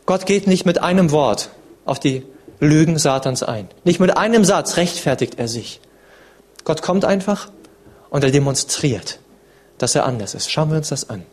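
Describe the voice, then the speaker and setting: A man preaching a sermon in an earnest, dramatic way, swinging between emphatic lines and hushed ones. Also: a little high, expressive, normal speed.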